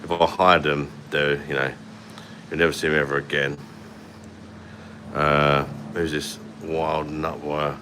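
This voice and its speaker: Holding his phone at arm's length in a hotel room at night, a London livestream host with a very low voice reads comments in a blunt, sweary way and laughs often. A faint air-conditioning hum sits in the background. His delivery is flat and measured, with long pauses and a pushed, bright sound.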